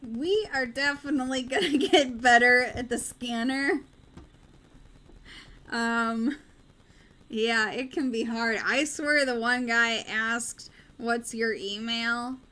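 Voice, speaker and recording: A woman's voice: a little high, takes it slowly, sharp tone, rough recording. A woman hosting a news livestream in casual, giggly chat. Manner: giggly, chatty.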